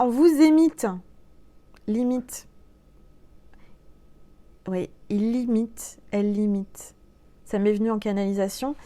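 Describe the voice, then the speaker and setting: Chatty woman giving a playful tarot reading. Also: a little high. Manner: chatty and playful, with exclamations and laughing asides; drops to soft, hushed tones when calling on cards. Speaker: tarot card reader. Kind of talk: casual tarot reading addressed to viewers.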